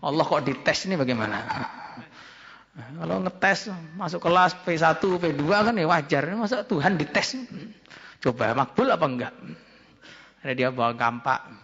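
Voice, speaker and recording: Bright-voiced male preacher in an echoing hall. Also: a little high, normal speed, long pauses. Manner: lively storytelling with acted quotes and humor. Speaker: preacher at an Islamic boarding school. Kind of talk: sermon. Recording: echoey hall, dull lo-fi sound.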